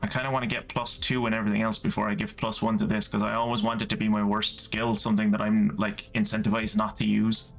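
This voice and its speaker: A man's voice: on the low side, little pitch movement, gravelly, a bit bright, soft background music. A man streaming a story game, chatting casually and reading the game's narration aloud. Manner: casual, thinks aloud, reads narration slowly.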